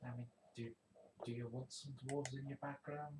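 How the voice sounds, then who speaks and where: A man's voice: medium pitch, little pitch movement, normal speed, distant mic, noisy background. A man chatting casually, hesitant and mumbling. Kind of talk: casual chat. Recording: echoey room with keyboard clicking.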